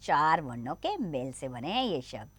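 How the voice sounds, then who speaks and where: A woman's voice: low-pitched, sing-song, moderate pace, fairly bright tone, breathy edge, dry recording. A woman teaching young children a Hindi lesson, cheerful and encouraging, sounding out words syllable by syllable.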